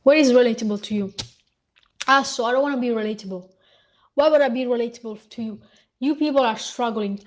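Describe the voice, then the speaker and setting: A woman's voice: fairly high pitch, a little fast, pauses often. Blunt young woman ranting on a vlog. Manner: blunt, defiant, dismissive. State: losing her voice. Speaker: vlogger. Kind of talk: casual vlog rant.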